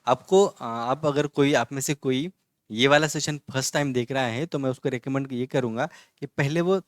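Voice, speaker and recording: A man's voice: medium pitch, moderate pace, dry recording, clean studio sound. Man teaching syllable by syllable. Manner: reads out words syllable by syllable; often asks checking questions. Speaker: language teacher. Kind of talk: casual online lesson.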